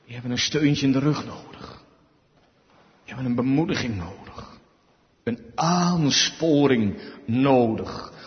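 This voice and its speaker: A man preaching a sermon who swings between hushed, slow passages and loud, pleading cries. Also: medium pitch. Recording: dull sound with long hall reverb.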